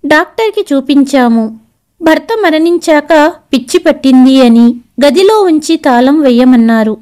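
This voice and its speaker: A grieving middle-aged brother in a storybook reading, explaining through tears in an earnest, worn-down way, voiced by a woman without lowering her voice. The voice stays high and mellow. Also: lively intonation, unhurried. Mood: tearful, weary.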